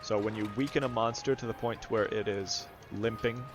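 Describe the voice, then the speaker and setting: A man's voice: fairly low pitch, fairly even intonation, fairly quick. A man giving casual let's-play commentary, explaining game mechanics and thinking aloud. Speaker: gameplay commentator. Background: game music.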